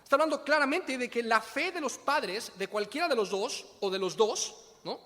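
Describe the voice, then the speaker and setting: A man's voice: extremely high pitch, animated, moderate pace, a bit bright, big-room sound. A man with a Mexican Spanish accent preaching a sermon in a conversational way, often asking rhetorical questions.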